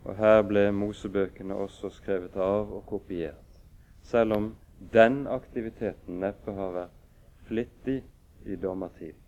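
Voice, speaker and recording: A man preaching a sermon and reading scripture aloud in a measured, solemn way with pauses. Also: lowish voice, fairly even intonation, darkish tone. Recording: dull lo-fi recording.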